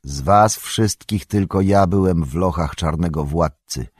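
A man voicing a grave, commanding old male wizard in an audiobook, speaking in a husky, measured, solemn way. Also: low voice, dry recording, clean studio sound. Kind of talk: audiobook character reading.

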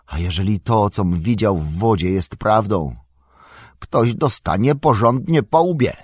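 A man voicing a young male hobbit who is loyal, excitable and fretful, bursting out in agitated, indignant speech. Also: low-pitched, a little slow, creaky, husky, dry recording, clean studio sound, full character voice. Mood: despairing. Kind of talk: audiobook character voice.

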